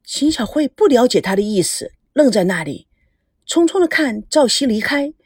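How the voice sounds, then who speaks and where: A woman narrating a novel in an expressive, dramatic way. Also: fairly high pitch, moderate pace, slightly rough, no room sound, clean studio sound. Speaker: audiobook narrator.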